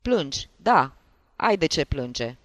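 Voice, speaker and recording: Brief: man playing a blustering, tipsy jealous husband, raised and loud, dry close sound. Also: fairly high pitch, big pitch swings, dry recording. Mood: furious. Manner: shouting, scolding. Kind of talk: audiobook character voice.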